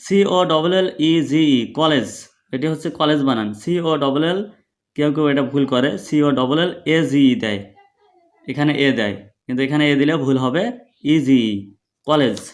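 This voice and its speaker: A man teaching English to Bengali speakers, spelling each word letter by letter and translating it into Bengali. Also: fairly high pitch. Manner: slow, spells words letter by letter, repeats syllables.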